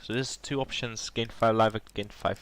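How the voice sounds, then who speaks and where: Hosting a relaxed let's play while nursing a cold, this man has a nasal voice pitched fairly low, with fairly even intonation and a moderate pace. His tone is fairly bright and clean, and he muses aloud with lots of hesitation.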